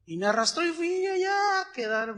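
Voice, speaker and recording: A man's voice: very high-pitched, big pitch swings, moderate pace, a bit bright. A middle-aged man with a Mexican Spanish accent, preaching a sermon as a pastor in a conversational storytelling way, acting out the voices of other people.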